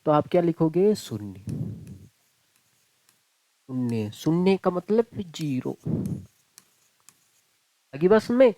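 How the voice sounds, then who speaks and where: A man's voice: fairly high pitch, very animated, unhurried, long pauses, warm tone, no echo, rough recording. A man teaching a maths class online, chatty and joking, calling his students "beta" and "bhai".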